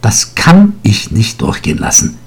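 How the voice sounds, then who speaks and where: A man voicing a small, shrill old woman, a former strict teacher who scolds and threatens in an audiobook story. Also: wildly swooping pitch, a little slow, gravelly, slightly rough, heavily acted. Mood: scolding.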